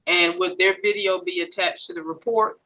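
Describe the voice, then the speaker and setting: Woman, prosecutor, bright clear voice, methodical questions, courtroom. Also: lowish voice, steady tone, normal speed, poor audio. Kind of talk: courtroom direct examination.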